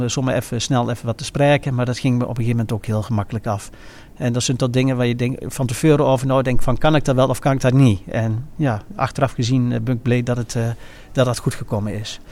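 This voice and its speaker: A man speaks in an informal, reminiscing way with a regional accent from the east of the Netherlands. His delivery is halting and hesitant, and he often stops mid-sentence to find the next word. His pitch sits in a middle range for a man. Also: steady tone, darkish tone. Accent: regional eastern Dutch. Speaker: former carnival prince and innkeeper recounting his carnival.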